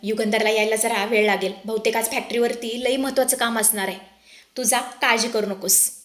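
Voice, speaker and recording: A woman voicing an older mother of the household who speaks calmly and firmly in a serial recap. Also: a little high, a little fast, echoey room, natural voice. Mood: soothing.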